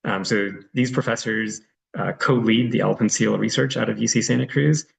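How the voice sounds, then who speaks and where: A man's voice: fairly low pitch, steady tone, brisk, creaky. A man giving a friendly, loose online presentation over a video call, as a reserve director, with frequent ums. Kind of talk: online presentation with screen sharing.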